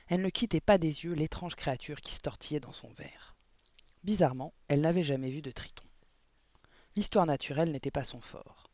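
A man with a slightly high voice narrates a children's novel aloud, telling the story expressively. The recording is dry and close, with no room sound. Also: fairly quick, darkish tone, no echo. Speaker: audiobook reader. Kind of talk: scripted narration.

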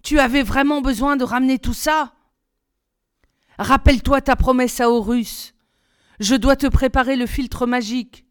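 A woman reading aloud, voicing a feisty, impatient young girl who scolds and urges in a sharp, raised voice. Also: sits high, steady tone, normal speed, smooth, voice pushed up, lightly acted. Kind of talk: storybook reading.

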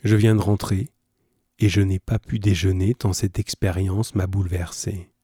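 A man reads a classic story aloud to pupils in a low, mellow voice with a husky edge. His delivery is unhurried, and the recording is close and dry. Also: flat delivery, dry recording. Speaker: reader for school pupils.

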